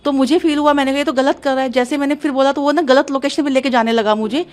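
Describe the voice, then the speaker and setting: A woman's voice: sits high, fairly even intonation, fast talker. A woman giving an emotional first-hand account to a reporter, urgent and agitated as she tells it. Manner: urgent, agitated, talks straight on. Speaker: interviewee recounting an incident.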